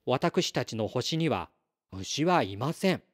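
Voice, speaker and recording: A man's voice: mid-range voice, slow. Kiras, a man doing a polite star boy. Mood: earnest. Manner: formal, courteous, calm. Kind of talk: storybook read-aloud.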